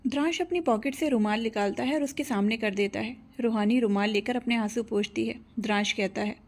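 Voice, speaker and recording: A woman narrating a romance audio serial in a steady storytelling manner, voicing every character herself. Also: fairly high pitch, a little fast.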